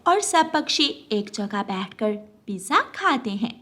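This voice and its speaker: A children's bird cartoon, narrating briskly between scenes. Her voice sits high and stays lively. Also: heavily acted. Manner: lively, defensive, chatty. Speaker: narrator and voices of several characters.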